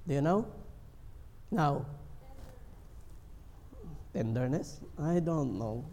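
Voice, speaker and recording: A gravelly, dark-toned man from the Philippines delivers a sermon at a slow, deliberate pace. His earnest words ring out with a long reverb, as if in a large church hall. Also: fairly high pitch, expressive. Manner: slow, earnest preaching, acting out prayers in a pleading voice. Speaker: pastor.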